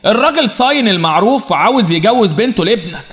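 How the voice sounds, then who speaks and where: An indignant Egyptian wife, put on by a man narrating a spoken story, lays into her husband in a shrill, scolding voice. Her voice rides high and rings in a long, reverberant room. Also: expressive, quick pace, fairly bright tone. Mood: angry scolding. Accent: Egyptian Arabic. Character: angry middle-aged Egyptian wife, scolding.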